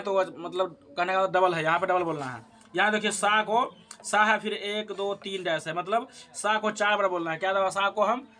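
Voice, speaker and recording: A high, bright male voice giving a step-by-step music lesson. He keeps asking his students a question and answering it himself. Now and then he slows down to sing note names. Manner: repeats key points as questions and answers them; sings note names slowly while explaining. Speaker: music teacher. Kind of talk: spoken harmonium lesson.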